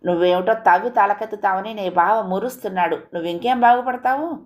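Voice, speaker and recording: A woman's voice: medium pitch, a little fast, close to an everyday voice. A woman voicing a stern, disapproving middle-aged uncle who nags. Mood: scornful. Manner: scornful, nagging.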